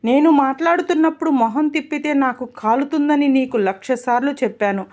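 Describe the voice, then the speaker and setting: A woman's voice: high-pitched, a little fast, dull audio, close to an everyday voice. A woman voicing an angry jealous young man, Chaitu. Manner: sharp, reproachful, sarcastic.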